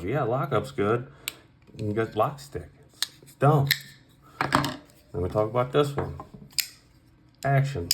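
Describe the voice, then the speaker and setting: A man's voice: on the low side, very noisy. A man ranting casually on his vlog, blunt and profane, heated and repeating points for emphasis. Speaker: knife collector vlogger. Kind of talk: casual opinionated rant.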